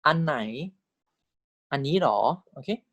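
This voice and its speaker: A man's voice: takes it slowly, fairly bright tone, no echo, muffled recording. A man teaching Thai vowels and tones in English, who says each word several times and keeps checking with "okay?". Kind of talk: recorded language lecture.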